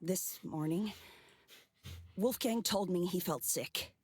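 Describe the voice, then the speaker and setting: A woman's voice: fairly low pitch, slow pace, a little mellow. A woman voicing a guarded, blunt young female student with a curt, defensive way of talking. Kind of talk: game voice acting.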